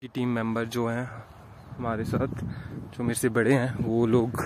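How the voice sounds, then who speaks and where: On a forested mountain trail, a young vlogger chats with viewers and shows them around on foot, tired from the climb, recording with a handheld camera at arm's length. His medium-pitched delivery is completely flat and measured, and the background is noisy.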